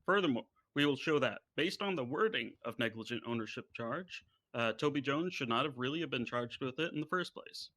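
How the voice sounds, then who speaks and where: Bright, forceful man as defense lawyer. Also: mid-range voice, expressive, a little fast. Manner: formal, declarative. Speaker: defense lawyer in a role-play court. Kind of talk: prepared courtroom speech in role-play.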